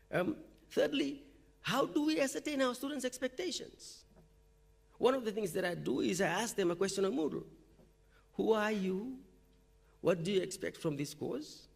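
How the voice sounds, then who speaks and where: A university lecturer from Fiji presents at a teaching forum in a lecture hall or forum room. His high voice has a gravelly edge, and he talks in a chatty, conversational style, frequently checking in with "okay?"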